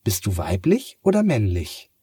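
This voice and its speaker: A man's voice: lowish voice, huge pitch swings, moderate pace, mellow, slightly rough, no echo, clean studio sound, exaggerated voice. A man voicing a sleepless, stubborn young girl in a bedtime story, asking doubtful questions.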